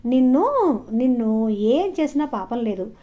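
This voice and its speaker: A woman storyteller voicing an angry, defiant young woman who snaps and shouts, in a dull lo-fi recording. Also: fairly high pitch, measured pace, close to an everyday voice. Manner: snapping, shouting. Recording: dull lo-fi audio.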